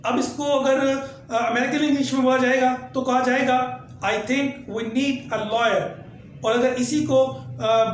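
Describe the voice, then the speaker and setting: A man giving an explanatory lesson, spelling out examples slowly and deliberately. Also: extremely high pitch. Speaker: teacher. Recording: very echoey room, faint background noise.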